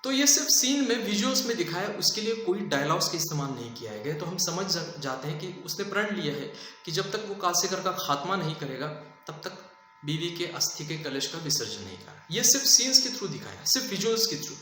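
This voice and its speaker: A man talks through a film review in a loose, chatty way, circling back with fillers and restarts. His voice sits a bit high and bright. The room rings with heavy echo over a faint hum. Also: sing-song, a little fast, soft background music.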